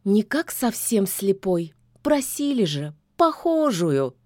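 A sly kikimora house spirit , played by a woman talks in a folksy, mocking way. Her voice sits a little high and bounces around with a storybook liveliness. The recording is dry. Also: big pitch swings, slow, darkish tone, no room sound.

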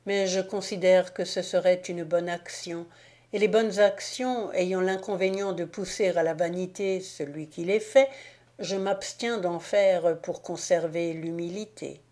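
A woman playing a self-satisfied old saint in a storybook, lecturing sententiously at a slow pace in a mellow voice. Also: lowish voice, steady tone, close to an everyday voice. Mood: smug.

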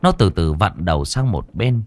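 A man narrating a ghost story in a slow, dramatic, suspenseful way. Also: low voice, sing-song, a little mellow. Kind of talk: scripted horror narration.

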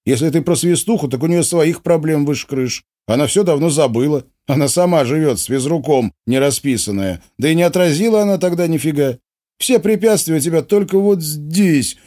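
A man's voice: fairly high pitch, lively intonation, a little fast, mellow, pitched above the performer's own voice, natural voice. A man voicing an earnest young man who argues urgently and persuasively. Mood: pleading.

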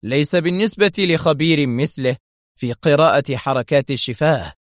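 An unflappable male hero, as a storyteller voices him, answering with calm, cutting sarcasm. The pitch sits in an ordinary middle range. The sound is close and dry. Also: fairly quick, no room sound, close to an everyday voice. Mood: mocking.

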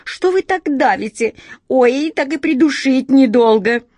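A woman reading a storybook, voicing a hapless male cat turned into a mouse, who pleads in a desperate, squeaky voice. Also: animated, unhurried, a little mellow, dry recording, clean studio sound. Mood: pleading.

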